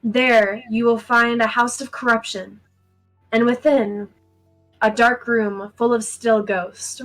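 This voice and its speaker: A woman plays a solemn female mystic in a tabletop role-play. Her voice is fairly high and very unhurried, with a portentous, theatrical delivery over music. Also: steady tone, fairly bright tone, low-quality recording. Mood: ominous. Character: solemn mystical fortune-teller woman foretelling destinies.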